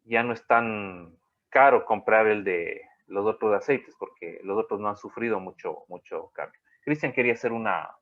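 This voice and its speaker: A man's voice: lowish voice, moderate pace. A man teaching an online class in a rambling way, often checking in with his students. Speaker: college teacher. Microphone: video call. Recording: dull lo-fi video call audio.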